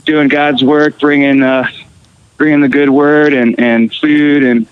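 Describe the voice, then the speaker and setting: Casting: man from Costa Rica, slightly high voice, easygoing rambling storyteller on a podcast call. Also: unhurried, clear, resonant tone, dry recording, narrow, tinny audio. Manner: relaxed storytelling with fillers and restarts. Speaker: guest musician. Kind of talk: casual phone chat.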